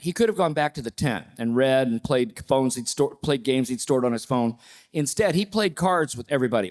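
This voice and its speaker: Older man telling an animated story. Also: fairly high pitch. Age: 60s. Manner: animated storyteller, acts out quoted voices. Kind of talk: personal storytelling at a panel.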